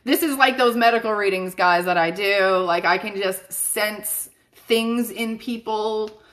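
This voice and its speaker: A woman's voice: medium pitch, measured pace, fairly bright tone. A woman, a psychic medium chatting emphatically to viewers in a live stream. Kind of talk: casual live-stream talk.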